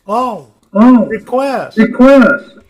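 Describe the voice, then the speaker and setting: A man's voice: very high-pitched, expressive, drawn-out words, noisy background. A man calling in by video with a stuffy cold, his words cutting in and out so that only every other word gets through, in short broken phrases. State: stuffy with a cold, just woke up. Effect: choppy call audio cutting in and out, words dropped. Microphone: video call. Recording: dull lo-fi call audio.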